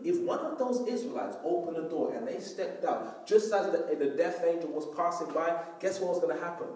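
Echoey preaching man, high voice. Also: mellow. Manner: emphatic preaching, often asking the congregation "Do you understand?". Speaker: pastor. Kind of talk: sermon. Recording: very echoey room, voice from far off.

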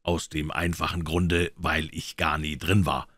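A man reading an audiobook and voicing a calm, sharp-witted male detective. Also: rumbling low, unhurried, dry recording, clean studio sound, exaggerated voice. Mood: composed.

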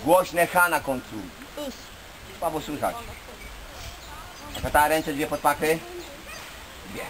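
At an outdoor training camp, a karate instructor with a slightly high voice leads a group class, slowly barking counts and commands and sternly correcting students. The camera audio is noisy, with the crowd audible behind him.

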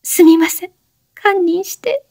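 A woman's voice: sits high, steady tone, moderate pace, mellow, no room sound, studio quality, voice pushed up. A woman voicing a desperate, guilt-ridden young woman who pleads breathlessly through sobs in a spoken story reading. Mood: tearful.

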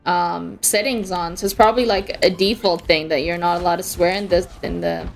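A woman's voice: fairly low pitch, fairly even intonation, brisk, creaky, faint music behind. A young woman streaming a game, chatting casually and giggling as she reacts to the match and her chat.

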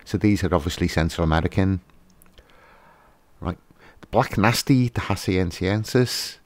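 A man's voice: low voice, normal speed, no room sound. A man hosting a fishkeeping channel, giving a casual, hesitant voice-over with lots of fillers and restarts.

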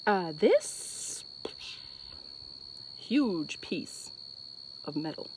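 A woman's voice: deep voice, wildly swooping pitch, extremely slow. A woman chatting casually for an outdoor vlog, thinking aloud and interrupting herself as she goes. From Acadian Canada. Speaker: vlogger. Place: outdoors on a bridge over water. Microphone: phone set on the bridge. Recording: noisy outdoor phone recording, traffic, insects.

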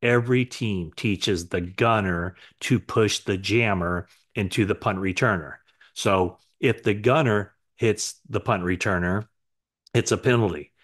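A middle-aged man with a notably low voice talks straight to a webcam from a living room. He recaps sports news in a loose, conversational way, with frequent fillers and quick self-corrections. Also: fairly bright tone. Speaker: sports reporter. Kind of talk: recap to camera. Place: living room with sofa, indoors.

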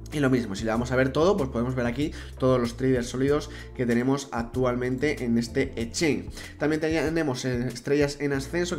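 A young man with a Spanish accent from Spain guides viewers through a screen recording. He talks casually and directly to the audience, often restarting his words. Soft music runs quietly behind his mid-pitched voice. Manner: chatty, addresses viewers directly, frequent restarts. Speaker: crypto tutorial host. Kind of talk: screen-recorded tutorial walkthrough. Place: indoor room.

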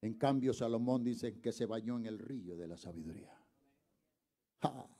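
A man preaching a sermon, swinging from quiet murmurs to shouts and calling on the congregation to answer him. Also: medium pitch, moderate pace. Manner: calls on the congregation to respond.

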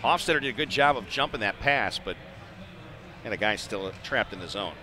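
Brisk and animated, this American man's fairly low, sharp-toned voice delivers conversational hockey play-by-play in short, clipped bursts. The live sports commentary comes from an arena broadcast where background noise is plainly audible.

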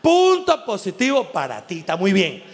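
High gravelly Venezuelan comedian, crude. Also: male voice, moderate pace. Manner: animated, crude, laughs often, acts out voices. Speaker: stand-up comedian. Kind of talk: stand-up comedy monologue. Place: live show venue.

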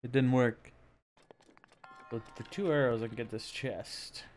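A man streaming a game live, reacting loudly, swearing often and mocking himself as he plays. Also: medium pitch, measured pace, faint music behind. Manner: excitable, swears a lot, mocks himself. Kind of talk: live gameplay commentary.

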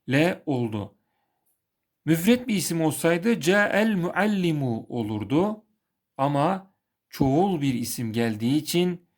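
A man teaches a recorded grammar lesson. His voice sits a little high, and he speaks at an unhurried, deliberate pace. He keeps repeating and stressing the key terms. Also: a little mellow.

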